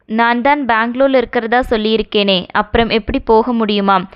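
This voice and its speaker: Woman narrating tearful young wife, plaintive, higher voice, smooth tone, lo-fi. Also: fairly even intonation, moderate pace, no room sound, lightly acted. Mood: upset. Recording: dull lo-fi recording.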